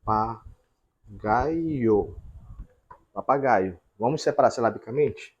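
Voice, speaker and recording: A man's voice: mid-range voice, animated, normal speed, darkish tone, breathy edge, dull audio. A man teaching a grammar lesson at a whiteboard, explaining step by step and checking in with the viewers.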